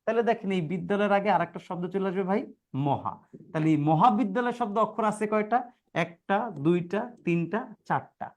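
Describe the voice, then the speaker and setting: Man, grammar teacher, high-pitched, classroom lesson, rhetorical questions, slow syllable-by-syllable sounding out. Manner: asks rhetorical questions, calls students "brother".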